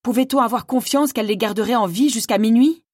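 A woman narrating a fantasy audiobook in the first person, measured and dramatic. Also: a little high, darkish tone, dry recording.

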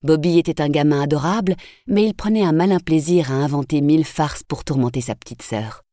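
A woman narrating a novel as an audiobook in a measured, even storytelling voice. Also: low voice, no echo, clean studio sound.

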